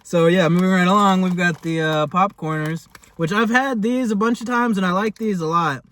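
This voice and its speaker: A man's voice: high-pitched, normal speed, fairly bright tone. A man giving a casual, rambling food review in a laid-back, chatty way, as host of a taste test. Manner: rambling, laid-back, hesitant phrasing with lots of "like".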